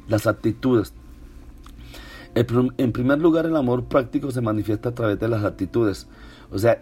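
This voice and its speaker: A man preaching a sermon in an earnest manner, repeating words for emphasis. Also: mid-range voice. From Colombia. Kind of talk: radio-style sermon. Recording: soft guitar music behind. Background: faint guitar music.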